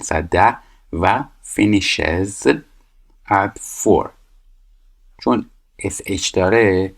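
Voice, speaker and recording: A man, a Persian speaker, teaching English grammar. He reads the English sentences slowly and explains them quickly in Persian. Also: deep voice.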